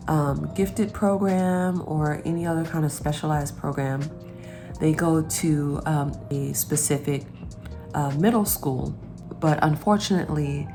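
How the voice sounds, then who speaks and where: A low-pitched woman in her thirties, a parent and vlogger, talks casually to camera while recovering from a cold. She sounds congested and thinks out loud, pausing often.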